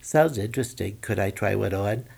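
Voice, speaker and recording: A sweet, slightly dim young princess in a comic storybook, voiced by a male narrator. She sounds plaintive and girlish, in a timbre unlike his own. A husky grain still shows through. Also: fairly low pitch, moderate pace, a little mellow.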